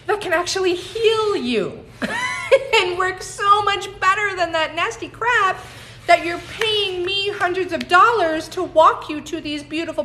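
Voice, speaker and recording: A woman's voice: very high voice, pushed and bright, a little hiss or hum. A woman in her forties, a herbalist, chatting casually on a phone livestream, laughing often and greeting viewers by name. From United States. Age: 40s. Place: home on a mountain, indoors.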